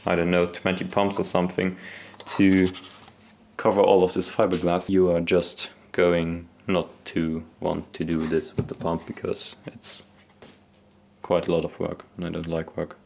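A young man filming a casual workshop vlog in his home garage, talking in a relaxed, self-deprecating way with lots of fillers, recorded on an action camera. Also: sits low, measured pace, vocal fry, slight background noise. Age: young adult. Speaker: hobby boatbuilder vlogger. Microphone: action camera on body or nearby.

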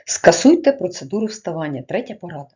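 Woman lecturer, earnest and measured, mellow tone. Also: lowish voice, very animated, slightly rough, muffled recording. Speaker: education lecturer. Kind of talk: prepared lecture reading.

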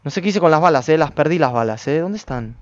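A male streamer giving excitable gameplay commentary, talking to his viewers and to himself. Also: fairly high pitch, fast talker, no room sound, lo-fi sound.

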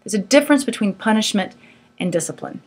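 A woman's voice: medium pitch, animated, quick pace, breathy edge. A middle-aged woman teaching a small Bible study group, earnest, firm and conversational.

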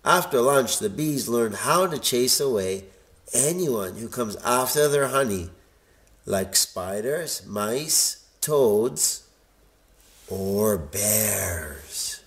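A man reading a children's picture book aloud in a lively, expressive way. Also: on the low side, drawn-out words. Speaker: storybook reader.

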